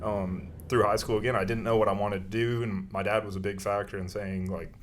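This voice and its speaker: A young man from Canada, a guest talking about his career in a casual interview, relaxed and rambling with lots of fillers. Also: fairly low pitch, brisk, a little hiss or hum. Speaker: guest, company regional manager.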